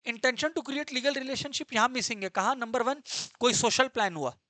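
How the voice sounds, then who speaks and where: Brief: high-voiced male teacher, lively and quizzing, close dry mic, live class. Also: moderate pace, no echo. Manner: energetic, repeats points, quizzes students. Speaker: commerce teacher. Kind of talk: live online law lecture.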